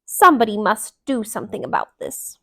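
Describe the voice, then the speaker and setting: A woman's voice: on the high side, wildly swooping pitch, brisk, vocal fry, fairly bright tone, exaggerated voice. A woman voicing a bossy, demanding female duck in a children's storybook, emphatic and commanding. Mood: indignant, bossy.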